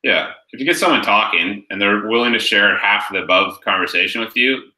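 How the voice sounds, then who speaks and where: Guy coaching sales over a call, low voice, really sharp tone, echoey room, keeps saying right?. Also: fairly quick. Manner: energetic, punchy, keeps asking "right?". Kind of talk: coaching session on a group call.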